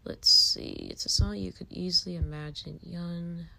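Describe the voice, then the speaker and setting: Slow, gravelly woman half-whispering. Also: fairly low pitch, fairly even intonation, bright, forceful tone, low-quality recording. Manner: meandering, often half-whispered, stops to react. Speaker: podcast host. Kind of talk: casual chat, reading articles aloud.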